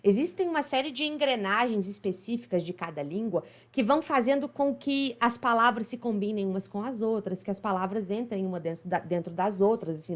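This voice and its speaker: A Brazilian woman with a Minas Gerais accent, explaining pronunciation in a chatty online lesson, often asking "right?". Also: fairly high pitch. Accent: Minas Gerais Portuguese. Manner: chatty, explanatory, frequent tag questions. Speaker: English pronunciation teacher.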